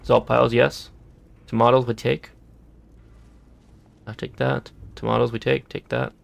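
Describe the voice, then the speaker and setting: Gravelly man thinking aloud while gaming. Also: mid-range voice, little pitch movement, a little slow, muffled recording. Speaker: gameplay streamer. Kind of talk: casual gameplay commentary.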